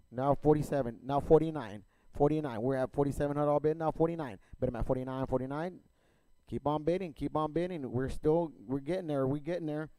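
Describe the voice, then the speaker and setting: A man working as an auctioneer, calling bids in a rapid, repetitive chant of numbers and stock phrases. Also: fairly high pitch, dark tone, no echo, rough recording.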